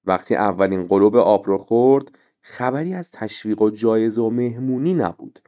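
A man narrating a children's story as the storyteller, in a measured telling. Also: fairly low pitch, warm tone. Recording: dull muffled recording.

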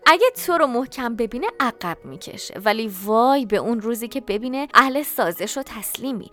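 A woman reading a storybook, voicing a loving mother who is tender but firm and gently teasing. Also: high voice. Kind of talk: audiobook character voice.

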